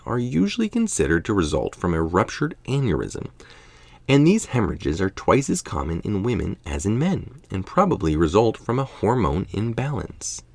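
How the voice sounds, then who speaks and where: A tired middle-aged man reads an article aloud late at night, keeping it informal with casual asides. His voice is deep with vocal fry, and there is no room sound.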